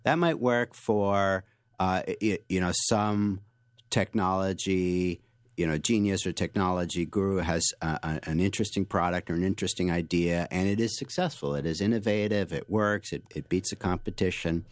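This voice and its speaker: A man with a very deep voice answers interview questions. He tells stories and explains ideas with energy, often restarting his sentences. The sound is dry and close. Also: normal speed, no echo. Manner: animated explainer, frequent restarts and fillers. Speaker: author and guest.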